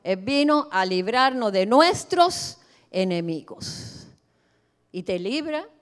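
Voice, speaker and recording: A middle-aged woman pastor preaching a sermon in a church, emphatic, moving between soft asides and loud declarations. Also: fairly high pitch, lively intonation, takes it slowly.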